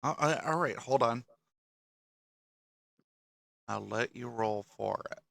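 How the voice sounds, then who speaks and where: A man narrating a tabletop game as dungeon master, halting and restarting often. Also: mid-range voice, gravelly, a bit bright, no echo, studio quality. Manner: halting, with many restarts and fillers.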